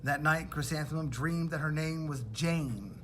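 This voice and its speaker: A man reading a children's picture book aloud expressively, with emphatic, theatrical phrasing and deliberate pauses. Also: on the high side, fairly bright tone, slight background noise. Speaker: storybook reader.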